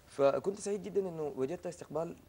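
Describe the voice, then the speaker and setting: A man with a Sudanese Arabic accent, a studio guest who tells a personal story and pauses to search for words. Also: fairly high pitch, dark tone, slightly rough. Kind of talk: anecdotal conversation.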